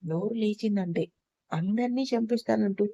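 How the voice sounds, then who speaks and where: A woman's voice: medium pitch, moderate pace, gravelly, mellow, no echo. A woman voicing a vengeful young husband who taunts and threatens, in a dull lo-fi recording. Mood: menacing.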